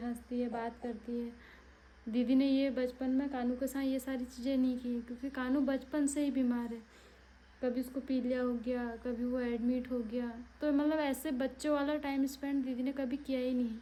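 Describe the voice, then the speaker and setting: A woman's voice: on the high side, mellow, slight background noise, rough recording. A woman with a Pahadi accent chatting to viewers in a casual home vlog, turning to coo at a baby. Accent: Pahadi Hindi. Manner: talks to viewers, then coos to a baby. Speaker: family vlogger. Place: home, indoors.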